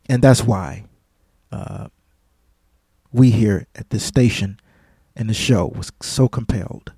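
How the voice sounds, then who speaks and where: A man hosting a radio show, giving a heartfelt, devout on-air tribute, halting often with fillers and repeated words. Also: on the low side, slightly rough, no room sound. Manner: warm, devout and effusive.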